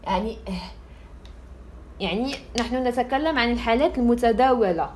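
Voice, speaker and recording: A young woman teaching French grammar, slowly spelling out French words between her Arabic explanations. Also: on the high side, a little mellow, slight background noise. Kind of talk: grammar lesson.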